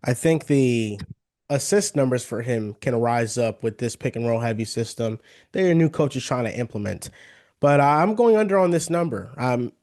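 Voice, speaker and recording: A young man co-hosting a casual sports podcast, laying out his picks in a measured, hedging way. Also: medium pitch, lively intonation, darkish tone. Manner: measured, hedging takes with fillers. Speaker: podcast co-host.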